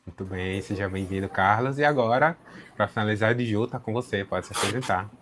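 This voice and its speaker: A man's voice: lowish voice, a little fast, background noise. A man hosting a live webinar, talking in an upbeat, promotional way as he introduces guests. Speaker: webinar host.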